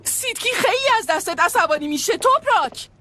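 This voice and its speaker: Nagging mother-in-law, very high voice, dubbed soap. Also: lively intonation, sharp tone, no echo, exaggerated voice. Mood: reproachful. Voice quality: reproachful, nagging tone. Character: worried disapproving older mother-in-law. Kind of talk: dubbed TV drama acting.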